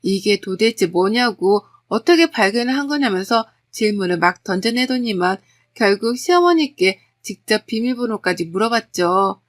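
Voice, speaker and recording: Female narrator, scripted first-person story, steady polite delivery, mid-range voice. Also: mid-range voice, moderate pace.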